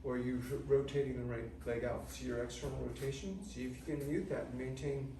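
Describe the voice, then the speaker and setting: A man's voice: mid-range voice, fairly even intonation. Echoey, distant man leading an exercise class. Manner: measured, technical, instructing in short phrases. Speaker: movement class instructor. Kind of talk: step-by-step exercise instruction. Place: large indoor studio with treatment tables. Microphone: far camera microphone. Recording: distant mic, very echoey, noisy room.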